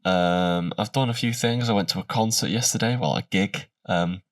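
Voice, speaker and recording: A very low male voice, stuffed up with a cold and nasal as though the nose is pinched shut. He chats casually as a podcast co-host, and sounds slightly distant from the microphone. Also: normal speed. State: ill with a cold.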